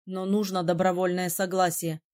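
A woman reading an audiobook, voicing a calm, teasing young male prince with a slightly lower, softer voice. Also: normal speed, lightly acted. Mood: gentle amused.

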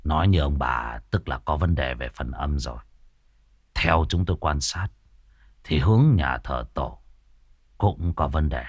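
A man voicing a stern middle-aged male exorcist who speaks low and clipped. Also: lively intonation, measured pace, long pauses, no room sound, studio quality, heavily acted. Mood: grave.

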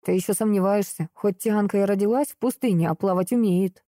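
A woman voicing a strong, calm northern princess who speaks with dry mockery. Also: medium pitch, a little fast, no room sound, natural voice. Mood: mocking calm. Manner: calm, mocking.

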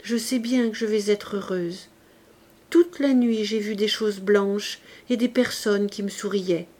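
A woman voicing a frail, feverish young mother who longs to see her child, speaking higher and with eager fervor. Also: a little slow, a little mellow, natural voice. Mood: pleading. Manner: raised, eager, fervent delivery.

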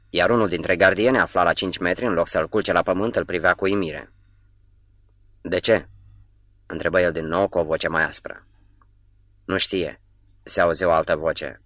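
Deep-voiced man reading a sombre novel. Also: a bit bright, no room sound. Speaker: narrator. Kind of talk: literary audiobook reading.

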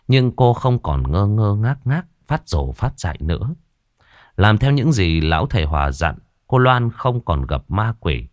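Male audiobook narrator, ghost story, deep voice, lively pitch, dry close sound. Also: no echo. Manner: expressive, dramatic.

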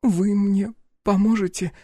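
A frightened young woman, shaking and tearful, begs for help in a thin, raised voice, as a male reader takes her part. The tone stays mellow and close-miked in a dry space. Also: normal speed, vocal fry, slightly rough, dry recording, full character voice. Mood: terrified pleading. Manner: high, tremulous, pleading.

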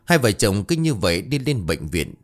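A man narrating a ghost story in an expressive, dramatic way. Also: on the low side, normal speed, faint music behind.

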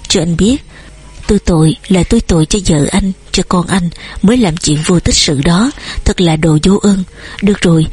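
An indignant middle-aged neighbor woman scolds sharply in a breathy, even voice, read by a woman narrator. She sounds close to the reader's own voice. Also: fairly low pitch.

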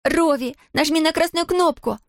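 A woman's voice: fairly high pitch, moderate pace, darkish tone, no room sound, studio quality, pitched above the performer's own voice, natural voice. A woman voicing a brave, determined young girl who talks urgently and gives orders. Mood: yelling. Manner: urgent, commanding.

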